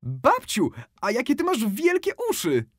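Man putting on a high little girl's voice. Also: wildly swooping pitch, measured pace, no echo, studio quality, exaggerated voice. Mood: amazed. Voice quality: high and bright.

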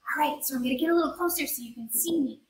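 A woman's voice: sits high, very fast. A woman in her thirties talking like a kindergarten teacher, guiding young children through yoga in simple, encouraging phrases. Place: indoor yoga studio room. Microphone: camera mic a few metres away. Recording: roomy, distant camera microphone.

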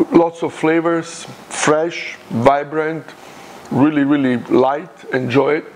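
A man's voice: mid-range voice, gravelly, darkish tone, a little hiss or hum, poor audio. A man in his fifties with an Italian accent, casually hosting a cooking demonstration in short, repeated phrases, recorded in a home kitchen. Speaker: cooking show host.

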